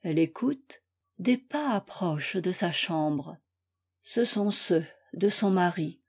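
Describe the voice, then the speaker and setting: A woman reading a classic novel aloud in a measured, dramatic way. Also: fairly low pitch, lively intonation, darkish tone, husky. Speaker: audiobook reader. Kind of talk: scripted literary narration.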